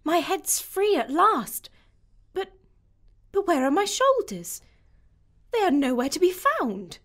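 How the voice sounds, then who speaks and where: Curious little girl for audio drama, adult actress: high, animated, earnest and wondering. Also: takes it slowly, full character voice. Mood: bewildered.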